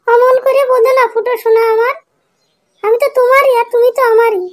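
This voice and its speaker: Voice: extremely high pitch, little pitch movement, fairly quick. A performer voicing a coaxing, doting village sister-in-law in a cartoon. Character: fussy sweet-talking village sister-in-law woman. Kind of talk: cartoon voice acting.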